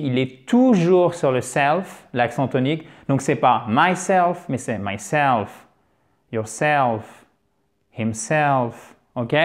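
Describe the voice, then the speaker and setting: A man teaching an English lesson on video, lively and emphatic, often addressing his viewers as dear friends. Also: mid-range voice.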